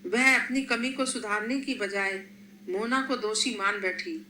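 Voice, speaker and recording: A woman narrating a scripted family story in a steady, expressive reading voice, in an echoey room. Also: medium pitch, a little slow. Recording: echoey room, faint noise.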